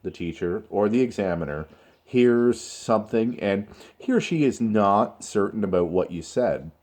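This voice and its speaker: A man with a low, mellow voice gives a spoken grammar lesson. He talks slowly and deliberately and leans on key words with pauses. His delivery is measured, like a tutor coaching exam students. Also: lively intonation. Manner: slow, deliberate, with stretched words and pauses for emphasis. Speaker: English teacher.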